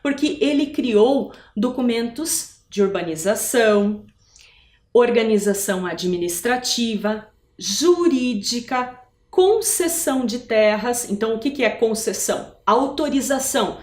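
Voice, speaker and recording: A woman's voice: on the high side, animated, measured pace. A Brazilian woman from Curitiba teaching a video lesson to schoolchildren, explaining step by step and asking rhetorical questions. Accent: Brazilian Portuguese, Curitiba. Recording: echoey room.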